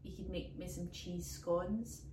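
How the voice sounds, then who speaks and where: Scottish woman, comic podcast co-host, low-set voice, rambling anecdotes, phone mic in an echoey room, faint hiss. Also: fairly even intonation, a little slow, recorded from a distance. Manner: rambling storyteller, laughs often. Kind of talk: casual comedic chat.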